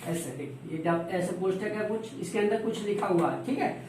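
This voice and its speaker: A man teaching a lesson who repeats each word slowly and spells it out letter by letter. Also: high-pitched. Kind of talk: classroom lesson. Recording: roomy echo, distant from the mic, faint noise.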